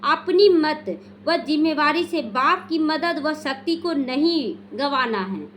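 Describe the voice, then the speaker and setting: A woman giving a devotional teaching talk, explaining point by point with an earnest, gently exhorting manner and quizzing her listeners. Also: high-pitched, a little hiss or hum. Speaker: spiritual teacher.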